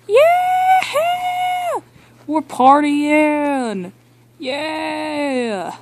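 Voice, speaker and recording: A girl doing a whooping party security guy. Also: slight background noise. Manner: high yelling, whooping. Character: rowdy partying security guard toy, male.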